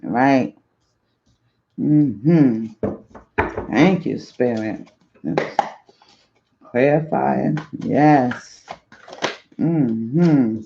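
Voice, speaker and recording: A man giving a slow, encouraging spiritual tarot reading to his viewers, repeating affirming phrases, on a dull lo-fi recording. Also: medium pitch, creaky, background noise. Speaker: spiritual life coach and tarot reader.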